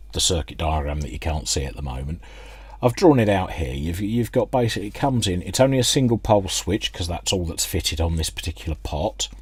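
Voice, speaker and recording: At an indoor workbench, a British radio restoration hobbyist presents a video, explaining technical work informally and thinking aloud in a hesitant, unscripted way. His low voice is darkish and slightly rough, and the recording is close and dry.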